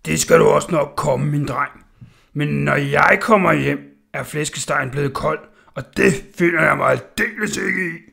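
A man booming as a furious big blacksmith. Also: creaky, heavily acted. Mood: angry. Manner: loud and booming. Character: big angry grown male blacksmith.

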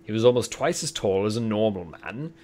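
A man's voice: on the low side, expressive, fairly quick, a little mellow. A man reading a children's fantasy novel aloud for a comic puppet show, breaking off to joke and banter. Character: Professor McGonagall, stern older woman. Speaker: reader and puppet show performer. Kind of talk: comic read-aloud with character voices.

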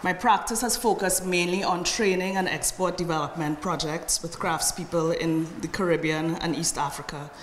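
Speaking steadily and a touch low, a middle-aged Trinidadian conference speaker keeps her talk measured and personal, often ending lines with "right?" to engage the audience. The audio comes from a far-off camera recording her podium mic in a spacious hall full of long echo and slight background noise.

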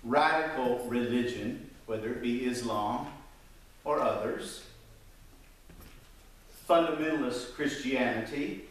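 This pastor in his fifties delivers a sermon at a slow pace with frequent pauses, gesturing animatedly and swinging his pitch high and low. Recorded in the church sanctuary via a pulpit mic and filmed from the pews, the sound is echoey and far off.

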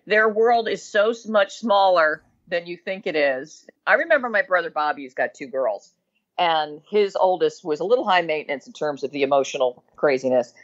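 A woman's voice: lowish voice, moderate pace, no room sound, muffled recording. A woman guest on a podcast, chatting casually and laughing as she shares stories. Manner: lively, laughs often, chimes in. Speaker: guest, radio co-host. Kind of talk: casual chat.

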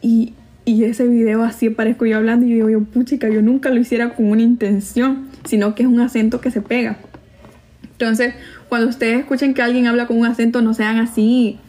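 A young Salvadoran woman hosts a casual livestream, reading viewer comments aloud, gossiping and laughing easily as she answers them. Her Salvadoran Spanish accent has some Mexican mixed in. Her voice sits on the high side with little pitch movement, a dark tone and a slightly quick pace.

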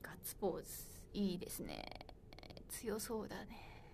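A woman's voice: medium pitch, wildly swooping pitch, normal speed, a little mellow, slight background noise. A young woman in her twenties hosting a solo livestream, chatting playfully and reading viewer comments aloud. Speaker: idol livestream host. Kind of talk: casual livestream chat.

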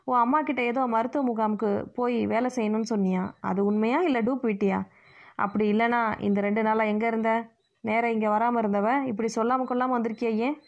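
Woman reading a bossy aunt, scolding, lecturing, high-pitched, muffled lo-fi sound. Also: steady tone, brisk, natural voice. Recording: muffled lo-fi recording.

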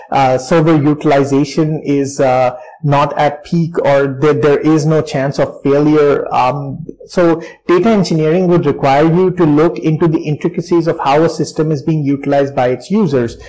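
A man in his thirties with an educated, posh Indian accent explains his profession in a measured, formal and articulate way, as in a career talk. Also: a little high, a little mellow, poor audio. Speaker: data engineer giving a career talk. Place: bright indoor room by large windows, seated.

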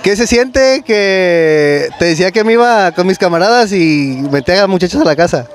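A man's voice: high-pitched, animated, normal speed, slight background noise. A young man with a Mexican Spanish accent, a contestant at an outdoor market, talking bluntly and casually.

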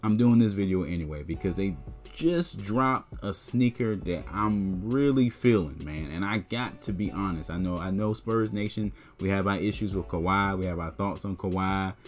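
Man, lowish voice, easygoing sneaker vlogger, faint music bed. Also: moderate pace. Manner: laid-back, chatty, says "man" and "you know" often. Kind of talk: casual talk to camera.

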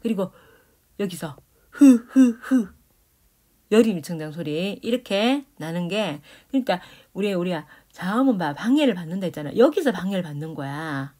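Her voice is lowish, mellow and expressive, and she talks briskly with hardly any pauses while teaching Korean grammar. In this phonetics lecture she explains speech sounds, demonstrates the consonants aloud, and checks in with students.

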